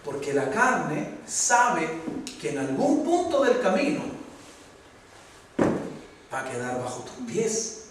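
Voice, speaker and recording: A Chilean man preaching a sermon as pastor, his voice rising to loud, fervent peaks. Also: fairly high pitch, sing-song, slow pace, pauses often. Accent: Chilean Spanish. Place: church hall. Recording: echoey hall from far off, faint noise.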